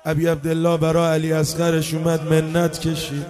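A man's voice: a little high, monotone, a little mellow, faint music behind. A man leading a religious mourning gathering. He speaks straight to the mourners and then breaks into a sung, wailing lament. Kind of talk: mourning lament, spoken and chanted.

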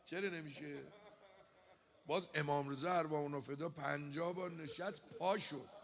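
A man's voice: a little high, steady tone, a crowd in the background. A man who is a religious eulogist, reciting a mourning elegy and coaching others in how to recite it, with an impassioned, lamenting delivery. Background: music.

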